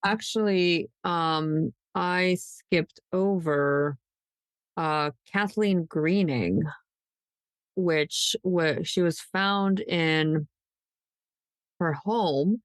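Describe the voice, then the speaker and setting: On a true crime podcast, a female host talks through cases conversationally, pausing as she pieces the details together. Her voice sits on the low side, and the recording is dry.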